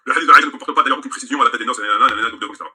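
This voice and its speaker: A man's voice: medium pitch, very fast, bright, forceful tone, breathy edge. A man in a played video, reading out texts and mocking them in sarcastic commentary.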